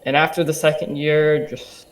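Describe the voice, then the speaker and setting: This podcast guest, a young man, has a fairly high voice and a flat delivery at normal speed, captured on poor audio. In the casual interview chat he comes across as hesitant, with many fillers and eager restarts.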